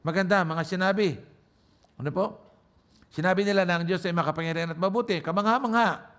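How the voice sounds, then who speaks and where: Filipino pastor with a Nueva Ecija accent. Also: male voice, high voice, fast. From Philippines, Nueva Ecija. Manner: preaching with swings between loud emphasis and quiet asides, joking. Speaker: guest pastor. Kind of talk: sermon. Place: church service.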